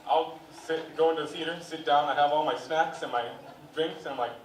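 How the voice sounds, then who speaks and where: A man's voice: a little high, fairly quick, a little hiss or hum. A young man performing a stand-up set on a comedy club stage, telling stories in a chatty way and acting out the people in them. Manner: chatty storytelling with acted quotes. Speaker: stand-up comic. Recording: roomy club sound from a distance.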